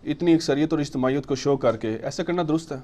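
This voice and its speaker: A man's voice: a little high, dark tone. Man reading questions.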